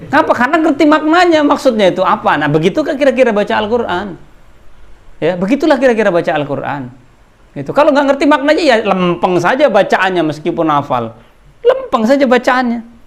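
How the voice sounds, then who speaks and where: A man teaching an informal religious study session, chatty and direct, often addressing his listeners as sir, with lively rises and drops in his voice. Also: high voice. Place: outdoors on a palm oil plantation.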